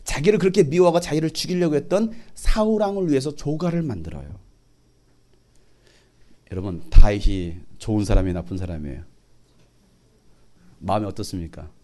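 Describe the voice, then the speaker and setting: A man's voice: mid-range voice, a little fast, pauses often, dark tone. A middle-aged man preaching a sermon, asking the congregation questions and joking with them. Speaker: pastor.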